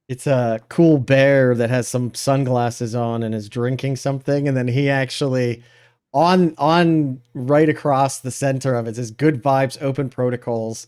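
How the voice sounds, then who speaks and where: Host, male, smooth resonant voice, relaxed, quick to laugh. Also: mid-range voice. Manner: chuckles often, relaxed. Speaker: podcast host. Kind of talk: casual interview chat.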